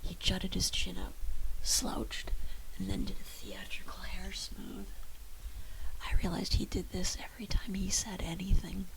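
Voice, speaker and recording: Gravelly whispering woman narrator. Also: fairly low pitch, very animated, a little slow, poor audio. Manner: wry first-person storytelling. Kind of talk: whispered role-play.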